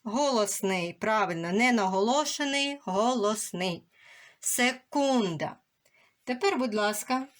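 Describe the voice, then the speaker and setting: A young woman teaching a remote lesson to young schoolchildren, slowly and clearly sounding out words and letters. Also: mid-range voice, fairly bright tone.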